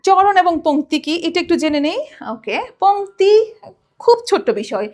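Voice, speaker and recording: A woman college lecturer from Bangladesh gives a recorded lesson in a high, bright voice. She explains step by step, poses questions and answers them herself, and recites short rhymes as examples. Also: big pitch swings, normal speed. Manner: recites children's rhymes to show rhythm.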